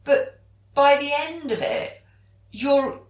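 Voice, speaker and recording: A British woman with a high voice co-hosts a podcast, speaking slowly in a casual, chatty way and explaining things as she goes. The recording sounds roomy and echoey.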